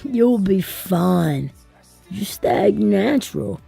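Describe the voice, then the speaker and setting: A woman doing a gravelly, husky young man. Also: medium pitch, expressive, very slow, dark tone, no echo, soft background music, full character voice. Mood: wry. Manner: wry, profane inner monologue. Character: brash, anxious young male author narrating. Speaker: audiobook reader. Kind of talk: scripted audiobook narration.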